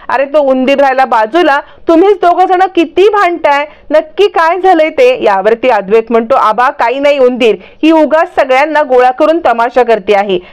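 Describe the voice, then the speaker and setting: A woman's voice: sits high, smooth. A woman narrating a recap of a television serial, reading every character's lines in her own voice. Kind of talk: storytelling recap with voiced quotes.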